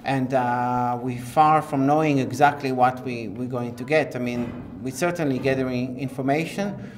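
A man's voice: medium pitch, steady tone. Middle-aged man explaining hesitantly in a cave. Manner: hesitant, pausing mid-sentence. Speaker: archaeologist leading the excavation project. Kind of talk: interview talk, explanatory. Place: inside a rocky cave. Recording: cave interview with faint background noise.

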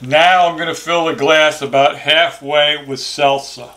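Slightly high, pushed and bright, this older co-host's voice keeps a fairly even intonation and a measured pace. He walks through a recipe in a kitchen demo for the vlog in a plain, matter-of-fact manner.

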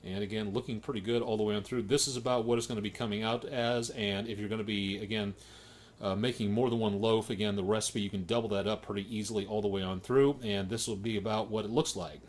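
Folksy middle-aged home cook, low-ish voice, relaxed vlog chatter that repeats itself. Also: male voice, fast. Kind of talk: casual cooking vlog.

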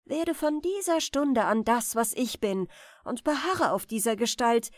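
A woman's voice: on the high side, lively intonation, unhurried, no echo, clean studio sound. A woman voicing a proud, solemn fairy rat. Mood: vengeful. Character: proud, dignified female rat who is a fairy.

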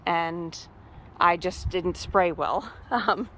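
A woman's voice: fairly low pitch, drawn-out words, a bit bright. A woman from Massachusetts casually walking through her garden and thinking aloud with many ums. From Massachusetts, USA. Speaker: homesteader giving a garden tour. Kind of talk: casual walk-through vlog. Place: outdoor garden.

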